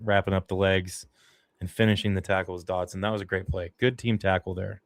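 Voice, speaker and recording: A man with a fairly low voice talks through a football game as a fan livestream host, in casual play-by-play. He gets worked up and emotional over the action. The sound is dry and close, with no room around it. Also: a little fast, dry recording. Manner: excitable, emotional fan reactions.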